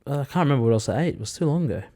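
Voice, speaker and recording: A man's voice: medium pitch, animated, rapid-fire, mellow. An Australian man chatting casually as a podcast co-host, with a laconic manner, short repeated phrases and easy swearing. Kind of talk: casual chat.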